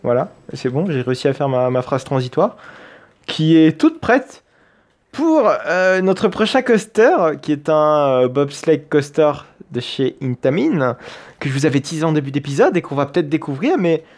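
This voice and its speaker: A man's voice: a little high, big pitch swings, normal speed, a little mellow. A man giving chatty, enthusiastic let's-play commentary on a video game, thinking aloud as he goes.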